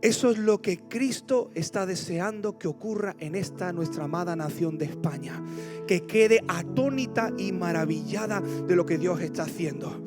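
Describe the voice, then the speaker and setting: A man preaches a passionate sermon in a very high voice. He swings loud cries to hushed asides as he tells his stories. Faint music plays behind him. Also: normal speed. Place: large church auditorium.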